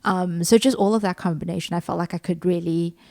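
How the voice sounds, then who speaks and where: A woman's voice: fairly low pitch, steady tone, quick pace, darkish tone, dry recording, clean studio sound. A young woman from South Africa, co-hosting a podcast and telling a personal story in a chatty way, full of "like" and "um". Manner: chatty, many fillers like "like" and "um". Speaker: podcast co-host. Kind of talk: casual conversational storytelling.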